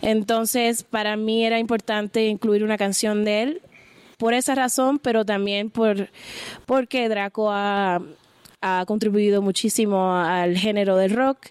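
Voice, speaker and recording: Woman musician with a smooth voice. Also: medium pitch, no echo. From Puerto Rico. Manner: relaxed, speaks in halting phrases with fillers. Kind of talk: casual interview about the songs.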